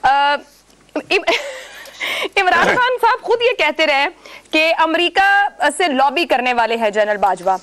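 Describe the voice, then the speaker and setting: Woman hosting political talk, high voice, keeps pushing her guests. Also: sing-song, slow pace, fairly bright tone. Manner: pointed, pressing questions. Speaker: talk show host. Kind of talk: political talk show moderation.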